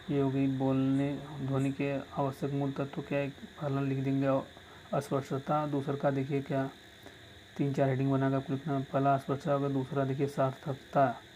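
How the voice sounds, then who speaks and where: A man's voice: mid-range voice, a little mellow, slight background noise, poor audio. A male teacher dictating exam answers and repeating lines so students can write them down. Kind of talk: exam-prep lesson.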